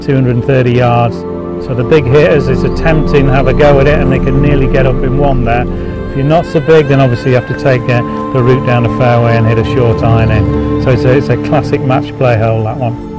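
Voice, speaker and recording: Male golf insider, medium pitch, halting unscripted explanation with loud music behind. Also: fairly even intonation. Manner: halting, repeats words. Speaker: guest explaining the golf hole. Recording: loud music over the speech.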